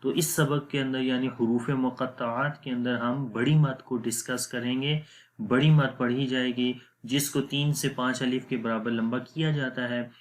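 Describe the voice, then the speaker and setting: A man's voice: medium pitch, fairly even intonation. A man teaching Quran reading rules, explaining each step patiently and repeating them plainly. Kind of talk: step-by-step tajweed lesson.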